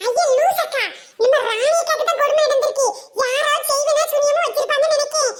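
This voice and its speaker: Squeaky cartoon village woman, voiced by a performer, dramatic and giggly, heavy noise behind. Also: steady tone, fairly quick. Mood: excited gossip. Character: excitable young village woman, gossipy. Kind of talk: cartoon comedy voice acting. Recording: loud background noise.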